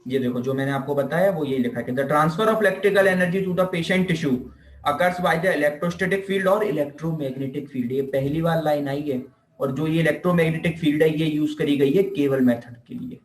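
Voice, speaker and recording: In an echoey room, a physiotherapy teacher with an Indian accent and a fairly high voice explains things at an unhurried pace. His informal lecture blends Hindi and English terms, and he repeats points and poses questions only to answer them himself.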